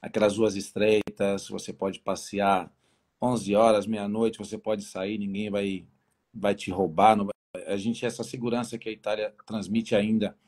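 Low-voiced Brazilian man, easygoing and rambling. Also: level tone, normal speed, darkish tone. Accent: Brazilian Portuguese. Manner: easygoing, rambling with many restarts. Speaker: football coach. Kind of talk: casual interview answers.

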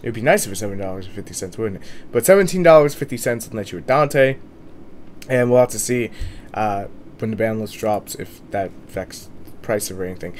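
A man's voice: on the low side, expressive, fairly quick, a little mellow, slight background noise. A man with a sore throat, feeling sick, giving casual, informal video commentary as host of a price guide. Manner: informal, mild swearing. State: under the weather with a sore, swollen throat.

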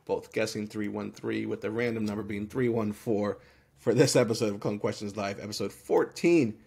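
A man hosting a live stream, upbeat and hyped, rattling off viewers' numbers and quickly calling each one out. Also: on the low side, gravelly, a little mellow, slightly rough. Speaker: host of a live-streamed Q&A show. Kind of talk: live-stream giveaway, reading viewer guesses aloud.

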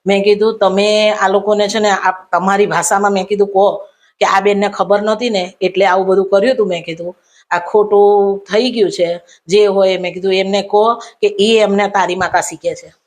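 A woman tells a comic anecdote straight to camera. She recounts it with lively exasperation and raises her voice when she acts out what others said. Her pitch sits in a middle range. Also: moderate pace. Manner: animated retelling, acting out quoted lines in raised pitch. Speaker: comic storyteller.

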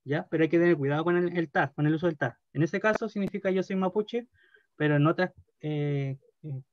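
A man teaching a language class, speaking slowly and deliberately and often checking in with his students. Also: a little high, no echo, lo-fi sound.

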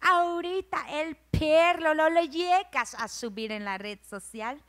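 Yucatecan woman stand-up comic; high, bright voice; animated storyteller who slips into characters. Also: slow pace. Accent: Yucatecan Spanish. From Yucatán, Mexico. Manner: animated storytelling, acts out gossiping neighbors and scolding mothers. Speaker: stand-up comedian. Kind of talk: stand-up comedy monologue.

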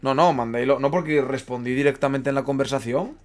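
A young man giving casual commentary while playing a football management game, chatting with viewers, swearing and yelling at big moments, then muttering low. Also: brisk. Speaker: gaming streamer. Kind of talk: casual live gameplay commentary.

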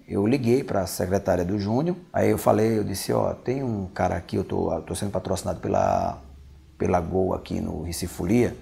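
A man's voice: lowish voice, gravelly, mellow. A man, recounting a phone conversation in an interview. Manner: recounts a conversation step by step, quoting himself. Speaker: event sponsor contact, interviewee.

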